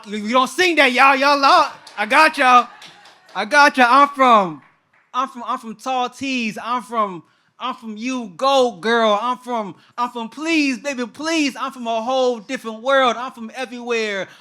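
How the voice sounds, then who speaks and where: A young man from Texas, a spoken word poet, shouting out to a live audience before performing a rhythmic, repeating poem on stage. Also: very high voice. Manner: hypes the crowd with call-outs, then a rhythmic repeated-line poem.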